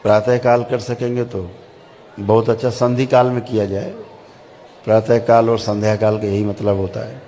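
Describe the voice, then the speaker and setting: Man guiding a group meditation, calm and slow, echoey hall, faint hum behind. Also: lowish voice. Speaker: meditation guide. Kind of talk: guided meditation instructions. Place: large hall with a gathering.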